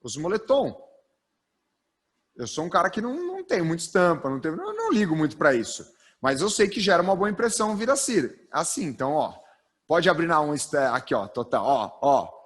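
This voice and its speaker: Animated thirties trainer on stage. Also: male voice, a little high, brisk, husky. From Brazil. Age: 30s. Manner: energetic, tags sentences with a questioning "tá?". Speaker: storytelling trainer. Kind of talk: live workshop lecture. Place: stage of a live training event.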